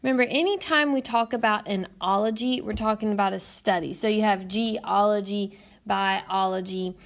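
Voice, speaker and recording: A woman teacher narrating a recorded lesson in a patient, explanatory way, often pausing with "um". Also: medium pitch. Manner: patient, explanatory, frequent "um" fillers. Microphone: tablet screencast mic.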